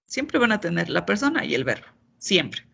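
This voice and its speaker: Gravelly-voiced woman teaching grammar online. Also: fairly low pitch, very animated, normal speed, a bit bright. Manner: patient, explanatory, playful asides. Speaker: English teacher.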